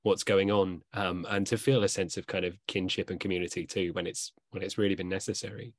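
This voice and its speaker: A bookseller in his thirties hosts an author talk over a casual video call from home, asking questions hesitantly with many restarts and fillers. His low voice moves fairly quickly with little pitch variation, and the recording is dry and studio quality.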